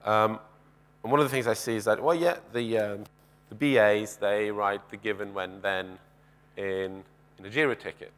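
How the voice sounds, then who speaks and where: At a moderate pace, a man in his thirties delivers a keynote in a fairly low, slightly bright voice with fairly even intonation. He uses a headset mic on a large conference stage, pacing and gesturing as he speaks conversationally, asking the audience questions and often restarting sentences.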